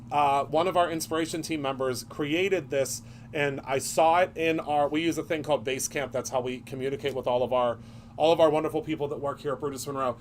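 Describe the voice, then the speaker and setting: A man's voice: fairly high pitch, slight background noise. A man hosting a casual live craft stream, chatty and upbeat, greeting viewers by name as he shows products.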